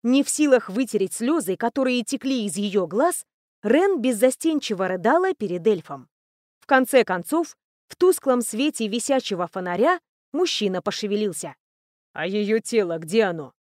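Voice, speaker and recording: A woman reading a fantasy novel aloud as an audiobook narrator, with steady, even delivery. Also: on the high side, moderate pace, dry recording, clean studio sound.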